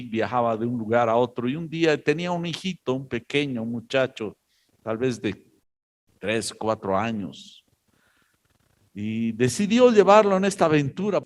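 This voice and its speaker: A man preaching a sermon, telling a story in a slow, halting way with many pauses. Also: mid-range voice. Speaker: pastor.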